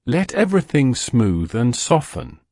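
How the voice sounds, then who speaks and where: A man slowly and soothingly guiding a listener through a relaxation and sleep hypnosis script. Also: mid-range voice, very animated, mellow, no echo, studio quality. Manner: slow, soothing, drawn-out delivery.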